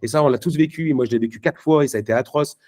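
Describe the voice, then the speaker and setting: A man's voice: fairly high pitch, racing, darkish tone. A man giving a live motivational talk at a network marketing event, punchy and emphatic, speaking casually to the crowd. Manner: many fillers and restarts, casual slang.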